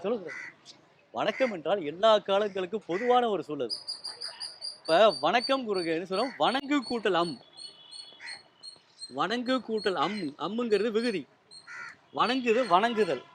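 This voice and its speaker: A man's voice: high-pitched, fairly bright tone, slight background noise. A man teaching language and spelling rules to a small group, patient and explanatory, often checking with questions. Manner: patient, quizzes listeners with repeated questions.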